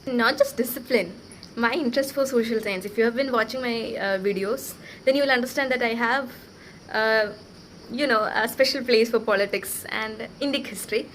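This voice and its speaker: Young woman vlogger, a bit high-pitched, earnest storyteller who acts out quoted dialogue; faint room hum behind. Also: moderate pace, rough recording. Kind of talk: casual personal storytelling.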